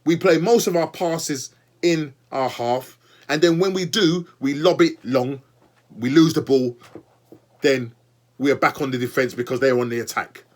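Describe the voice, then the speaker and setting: A young man reviewing a football match as a fan, exasperated and animated, repeating himself and talking straight to the manager. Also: medium pitch, moderate pace. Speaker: football fan channel host.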